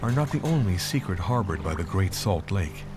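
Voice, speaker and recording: A man's voice: deep voice, very animated, moderate pace. A man delivering scripted narration for a nature documentary. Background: prominent background music.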